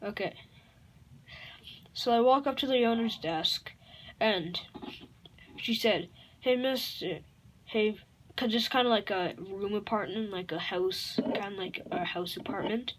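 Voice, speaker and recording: A woman improvising a fan-fiction story aloud, rambling and halting, with many fillers and self-corrections. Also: mid-range voice, a little hiss or hum.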